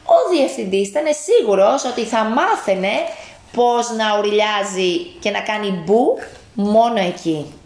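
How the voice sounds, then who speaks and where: Woman reading a kids' story out loud, keeps quizzing the kid, gravelly voice, echoey room. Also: mid-range voice. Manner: lively, stops to ask the child questions. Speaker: parent reading to a child. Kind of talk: reading a picture book aloud. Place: at home.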